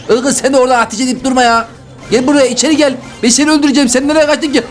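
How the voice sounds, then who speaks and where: This is a male YouTuber giving excitable play-by-play commentary on a game, exclaiming and yelling often. His voice sits high for a man and he talks very fast. Faint game music plays behind him. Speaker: gaming YouTuber.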